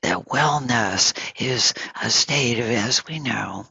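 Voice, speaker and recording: A man giving a gentle meditation talk at home, speaking softly and slowly with a breathy, often half-whispered voice and long pauses between phrases. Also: mid-range voice, no echo, low-quality recording. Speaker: meditation teacher. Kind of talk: gentle guided dharma talk. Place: home, over an online session.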